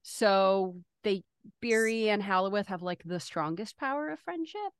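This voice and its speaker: A woman's voice: medium pitch, expressive, normal speed, clear, resonant tone, no room sound, studio quality. A woman playing a tabletop game, talking casually with friends. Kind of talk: casual chat.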